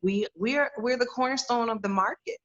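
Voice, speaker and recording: A woman's voice: on the high side, brisk, a bit bright, dull audio. A woman beauty editor answering interview questions in an emphatic, conversational way, repeating her key words.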